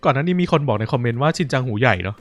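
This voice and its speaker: A man's voice: medium pitch, expressive, rapid-fire, no echo. A man giving casual let's-play commentary, chatty, reacting aloud and reading game lines. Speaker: gaming streamer.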